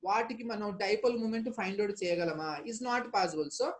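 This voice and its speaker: Indian lady teacher w telugu accent, talks really fast, repeats stuff and keeps asking little check questions. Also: mid-range voice. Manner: instructive, repetitive, frequent question tags. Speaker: chemistry teacher.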